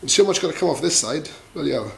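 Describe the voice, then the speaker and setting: The presenter talks fast, expressive and high-pitched, in brief informal asides during a hands-on workshop demo at a bench vice. Audio quality is poor. Metal filing rasps and clicks are clearly audible in the background.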